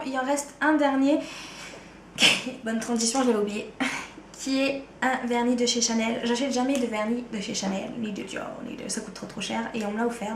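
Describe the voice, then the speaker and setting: Speaking from an echoey room with slight background noise, this woman's voice sits on the high side. She's a beauty vlogger with a touch of Ardennes French in her accent, casually rambling to camera about things she loves, chatty and slangy, often tailing off with "quoi."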